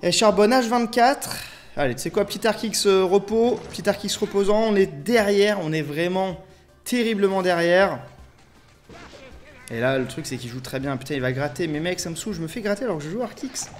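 A young man commentating his own mobile strategy game, swinging between low muttering and loud, swearing outbursts. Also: expressive, brisk. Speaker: gaming YouTuber. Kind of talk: live gameplay commentary. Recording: faint game music behind.

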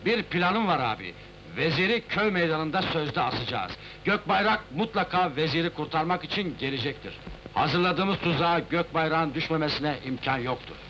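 Forceful, scheming henchman. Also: a little high, animated, normal speed. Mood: confident, scheming. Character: confident scheming henchman promising the ruler a trap. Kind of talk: old Turkish historical film acting. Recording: noisy old film soundtrack.

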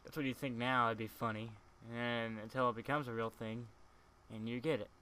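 Talking fairly quickly in a steady, mid-range voice with a bright, forceful tone, a man teases his friends during a block-building game. This let's play gamer swears freely in casual gaming chat, and there's slight background noise.

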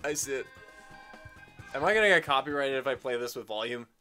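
A man hosting a casual gaming stream, chatting and yelling at the game as he plays. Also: medium pitch, fairly quick. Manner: excitable, yells and laughs at game moments. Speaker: streamer host. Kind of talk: casual chat while gaming. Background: background game music.

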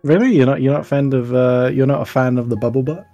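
A man's voice: medium pitch, fast talker, mellow, muffled recording, faint music behind. A man in his thirties, a guest in a casual chat, easygoing and rambling with frequent chuckles. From England. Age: 30s.

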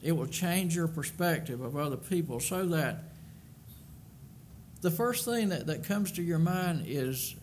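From a wooden pulpit in a church sanctuary, an older man preaches into the pulpit mic in a somewhat high, expressive voice at a measured pace. Earnest and emphatic, he often repeats words while building a point. A little hiss or hum is audible.

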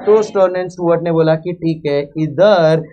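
A man with an Indian accent teaching accounting to a live class, loud and emphatic, constantly asking the students check questions and mixing English phrases into his talk. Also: fairly high pitch, normal speed, highs cut off, faint music behind. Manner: mixes English phrases into Hindi; loud and emphatic, sometimes calling out. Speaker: accounting lecturer. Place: lecture hall with a live class.

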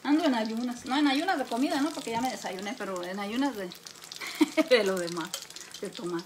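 Speaking at a normal pace in a voice on the high side, a Mexican cooking livestream host makes casual conversation while she cooks. She jokes with viewers, laughs a lot, and holds her phone close in her home kitchen, over background noise and faint sizzling from the pan.

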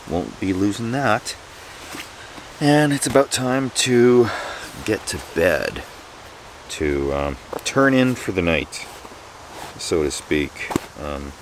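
Very deep-voiced man camping outdoors. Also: a little hiss or hum. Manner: dry, wry asides in a relaxed ramble. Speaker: camping vlogger. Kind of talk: casual solo camping vlog. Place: woods at night and morning, outdoors.

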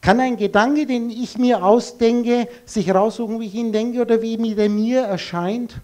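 A man's voice: extremely high pitch, fairly even intonation, normal speed, warm tone. A man giving a live lecture to an audience in a blunt, emphatic way, full of rhetorical questions.

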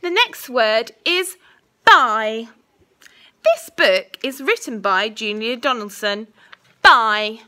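A young woman, a primary school teacher, giving a school dictation for a spelling test with deliberate enunciation, repeating each word. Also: a little high, animated, bright, forceful tone. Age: young adult. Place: small indoor classroom. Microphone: phone at arm's length.

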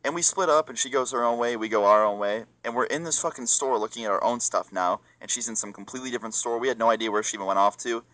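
A young man tears through his storytime at a fast clip. His voice is bright and forceful, full of swearing, and he acts out everyone in the story. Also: medium pitch. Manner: profane, excitable, mimics other people. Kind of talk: storytime rant.

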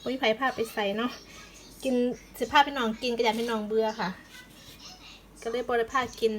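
A woman's voice: on the high side, little pitch movement, normal speed, fairly bright tone, slight background noise, rough recording. A woman with an Isan Thai accent chatting in a casual home vlog, explaining plant care step by step. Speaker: vlogger.

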